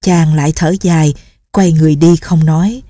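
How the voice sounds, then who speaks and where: A woman narrating a martial arts novel in a steady, measured way. Her voice sits low and mellow, and the recording is dry and close. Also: no room sound. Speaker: audiobook narrator. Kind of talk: scripted narration.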